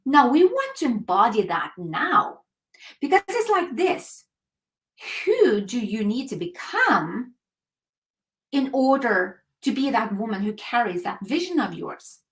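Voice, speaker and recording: A woman hosts a coaching webinar, leading a live call with earnest, emphatic motivation and plenty of rhetorical questions. Her fairly high voice swings widely in pitch, she speaks slowly, and she often clears her throat.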